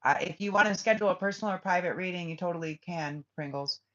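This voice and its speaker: This spiritual reader talks fast and sharp in a mid-range voice, rambling loosely on a live stream. Thoughts get cut off and restarted until blunt, profane remarks land on the chat's comments. Everything sounds muffled, dull and lo-fi.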